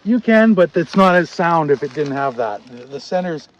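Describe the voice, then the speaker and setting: A man chatting casually outdoors as he explains his building work, often pausing to think aloud. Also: a little high. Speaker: log cabin builder and vlogger. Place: outdoors at a cabin building site. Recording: muffled, noisy outdoor camera audio.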